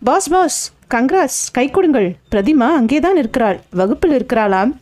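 A woman's voice: sits high, expressive, moderate pace, darkish tone, no room sound. Woman voicing a cheeky young male assistant. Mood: eager. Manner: teasing, playful. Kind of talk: audiobook character voice.

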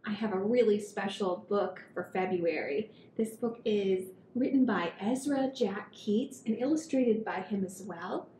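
A woman in her thirties hosts story hour, reading a picture book aloud to small children with expressive, drawn-out phrasing. She sits at a table in a small indoor room wearing a headset mic, and the recording has a roomy echo and a low rumbling noise.

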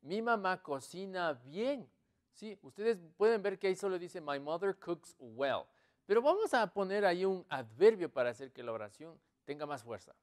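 A man teaching English in an online lesson, explaining slowly and repeating each example sentence. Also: sits high, very animated.

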